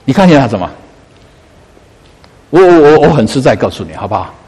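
A man preaching a sermon as pastor, coaxing and animated, often asking his listeners questions. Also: medium pitch, brisk, slightly rough, big-room sound.

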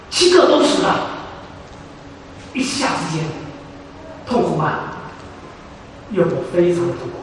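A man's voice: high voice, fairly bright tone, slight background noise. A man preaching a sermon, emphatic, repeating phrases for stress. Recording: echoey hall, voice from far off.

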